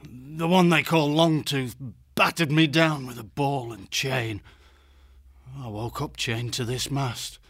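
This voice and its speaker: A man voicing a hoarse, slow young badger. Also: mid-range voice, fairly even intonation, fairly bright tone, no room sound, studio quality, pitched above the performer's own voice. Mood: weary. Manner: slow, earnest, wryly ironic. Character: big young male badger, chained captive. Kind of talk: audiobook character voice.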